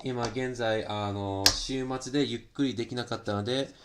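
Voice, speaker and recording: A man's voice: mid-range voice, steady tone, normal speed, heavy background noise. A man chatting casually on a live stream while he works on a hobby project, switching between Japanese and English, politely greeting viewers by name. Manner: switches between Japanese and English, many fillers, laughs often.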